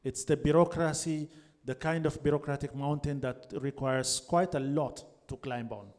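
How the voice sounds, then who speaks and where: A man in his thirties, from Ethiopia, moderating a panel in a glass greenhouse venue through a handheld microphone. His voice is mellow and dark, and he builds long, measured, structured questions. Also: on the high side, steady tone. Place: glass greenhouse event space, seated on stage.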